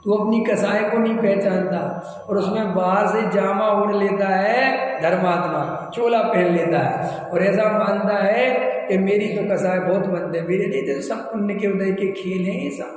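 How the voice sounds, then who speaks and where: A man giving a Jain religious discourse, explaining points and asking his listeners questions, slowing down for emphasis. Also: high voice, soft background music. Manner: explanatory, asks the audience questions, slows for emphasis. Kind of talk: sermon. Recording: echoey hall with faint noise.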